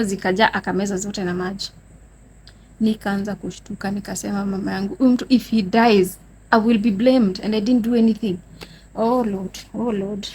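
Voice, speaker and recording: In this casual storytime vlog, a young Kenyan woman with a mid-range voice and a Kenyan accent recounts a dramatic story from her own life. She blends Swahili with English, keeps her delivery animated and theatrical, and calls her audience "guys." A faint hiss or hum runs under the recording.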